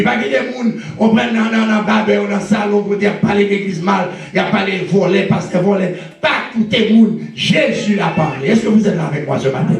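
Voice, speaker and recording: Haitian preacher man, high voice, shouting out to the church, big echo from far off. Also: vocal fry. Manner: preaching with call-and-response and frequent shouts. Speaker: pastor. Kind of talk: sermon. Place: church sanctuary. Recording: echoey church recorded from a distance.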